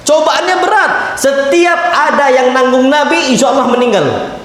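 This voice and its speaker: A man's voice: very high-pitched, expressive, normal speed, fairly bright tone. A man preaching a sermon in a mosque, emphatic and constantly putting questions straight to his listeners. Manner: emphatic, questions the audience directly. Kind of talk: sermon at a mosque study circle. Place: large mosque hall. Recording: echoey mosque hall, faint noise.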